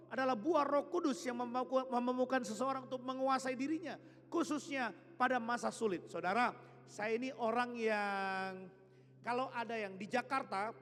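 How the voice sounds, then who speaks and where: A man preaching a lively sermon, joking and drawing responses from the congregation. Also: very high voice. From Indonesia. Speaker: pastor. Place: church hall. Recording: music behind, long hall reverb.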